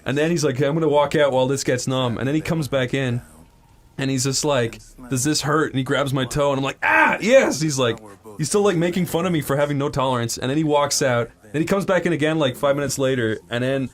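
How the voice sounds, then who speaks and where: A man's voice: mid-range voice, fast. A young man from Ireland in casual chat, telling a loose, sweary story and laughing often.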